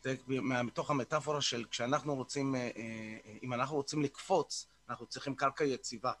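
A man with a bright, forceful voice leads a morning group session over a video call. He talks casually and coaches the group, then guides a short meditation. He repeats himself and hesitates with fillers, over a faint bit of background noise. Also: mid-range voice, fairly even intonation. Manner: informal, repeats words and fills pauses with "uh". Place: online video meeting.

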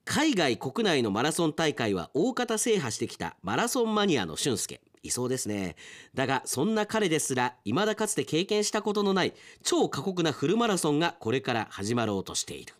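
A man speaking briskly in a fairly high voice runs a radio aftertalk, chatting casually as he reads out listener mail. His manner is animated, and he drops amused asides in response to the letters.

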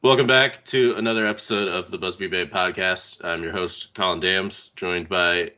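A man's voice: deep voice, steady tone, moderate pace, dull audio, background noise. A male podcast host with a congested voice, chatting casually and rambling with fillers. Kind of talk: casual chat.

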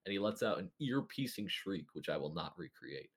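A young man narrating a tabletop game as game master, in a casual, halting way with many restarts. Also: low-pitched, very animated, slight background noise.

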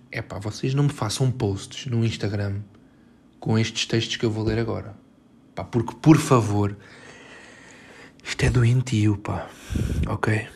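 A man's voice: mid-range voice, darkish tone, slight background noise. Exasperated young Portuguese man ranting. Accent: European Portuguese. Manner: sarcastic, exasperated, mock-dramatic. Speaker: podcast host. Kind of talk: solo podcast rant. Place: his bedroom.

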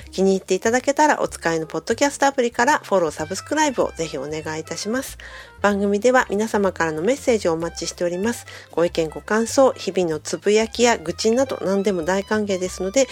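A woman speaking politely and attentively as a podcast co-host. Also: medium pitch. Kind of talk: casual polite chat, scripted sign-off.

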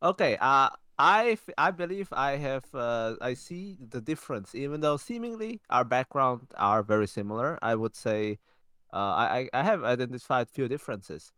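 Clear-voiced, halting young podcast host. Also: male voice, medium pitch, lively intonation, sharp tone, dry recording, studio quality. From Czech Republic. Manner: thoughtful, halting, with frequent restarts. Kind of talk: casual conversation.

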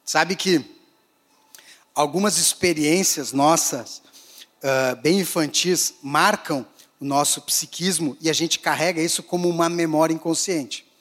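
A high-pitched man preaches to a gathering, his voice ringing with a long hall echo. He swings dramatically between raised, emphatic lines and hushed, drawn-back ones. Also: measured pace. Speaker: pastor. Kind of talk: sermon.

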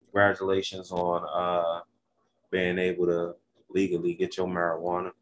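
Podcast host, male, slightly deep voice, casual teasing banter full of slang. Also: monotone, normal speed.

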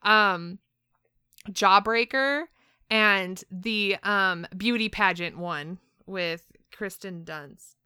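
A woman's voice: medium pitch, very slow, sharp tone, smooth, no echo, studio quality. A woman co-hosting a podcast, chatting casually and animatedly, with lots of laughter and fillers. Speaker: podcast co-host. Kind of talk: casual chat.

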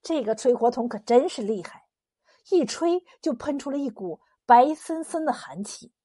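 Woman, storyteller, folk legend narration, high voice, lively, expressive. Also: normal speed, husky.

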